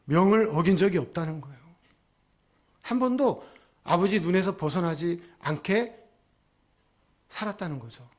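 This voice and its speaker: A man's voice: high voice, lively intonation, normal speed, pauses often. A male pastor preaching a sermon, retelling a story and asking his congregation questions.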